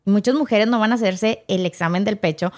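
Woman, lively storyteller, mid-pitched voice, voices the people in her story. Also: brisk. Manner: animated, acts out quoted dialogue. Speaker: guest sharing her story. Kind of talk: emotional personal storytelling.

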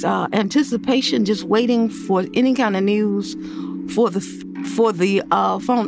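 An older woman being interviewed as a family witness, recollecting in a halting way with emphatic repetition. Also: medium pitch, vocal fry.

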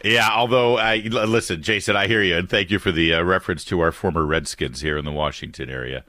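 A man's voice: deep voice, fast, no echo, studio quality. A man hosting a talk radio show, ranting with passion and mocking his opponents before taking calls. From Detroit, USA. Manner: impassioned, mocking, animated. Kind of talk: talk radio monologue and call-in.

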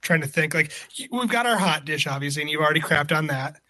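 A man's voice: on the high side, animated, fast talker, pushed and bright. A man hosting a sports podcast, chatting casually and teasing his co-host. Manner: joking, teasing banter.

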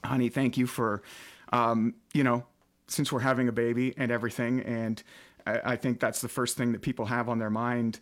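Talking at a moderate pace in a medium-pitched voice with little pitch movement, this late-30s man rambles chattily through a casual podcast from his basement studio. He's both a podcast host and a radio host, and fillers pepper his speech.

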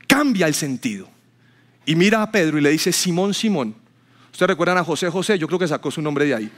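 A pastor with a high, fairly bright voice preaches a sermon to his church congregation. He tells stories and acts out the people he quotes, his voice rising as he does.

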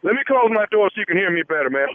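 A man talks over the phone in a calm, polite police-officer manner, halting often with "uh". His voice is high. The line is thin and phone-like with no room echo. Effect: heard over the phone. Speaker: radio prank caller. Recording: tinny phone line, dry.

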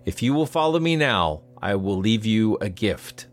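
A man voicing a gentle, concerned ghost mother with solemn, formal wording in a storybook reading. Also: lowish voice, animated, moderate pace, lightly acted.

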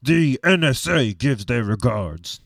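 A man voicing a deadpan mission-control radio operator over a sci-fi communicator, in slow, clipped radio-speak. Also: medium pitch, vocal fry, no echo, studio quality, pitched below the performer's own voice, full character voice. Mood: official.

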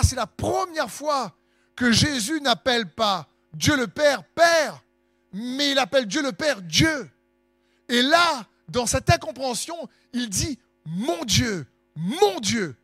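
A man's voice: very high-pitched, a bit bright, no room sound. A man preaching a sermon in an impassioned, sing-song way, letting his phrases swell for emphasis.

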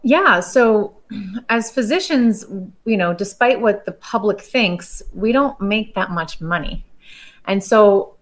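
A woman's voice: mid-range voice, lively intonation, takes it slowly. A woman from the United States, a physician and startup founder, speaking enthusiastically as a podcast interview guest. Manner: enthusiastic, chatty.

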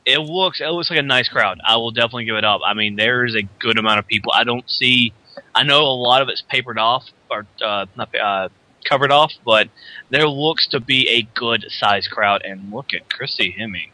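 Bright, forceful man co-hosting casually. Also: medium pitch, normal speed, rough recording. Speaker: guest co-host. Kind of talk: casual live commentary chat.

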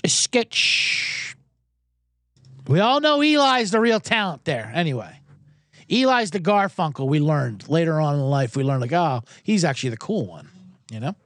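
This man's voice sits on the high side with big pitch swings, a fairly bright tone, and a moderate pace, recorded in echo-free studio quality. Hosting a sports betting podcast, he rambles, riffs, jokes, curses, and breaks into mock accents.

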